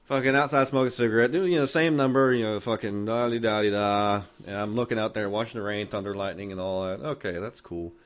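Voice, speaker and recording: A man's voice: medium pitch, fast, hardly any pauses. A man hosting a podcast, telling a long story in a loose, joking way with a lot of swearing. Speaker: podcast host. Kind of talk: casual storytelling.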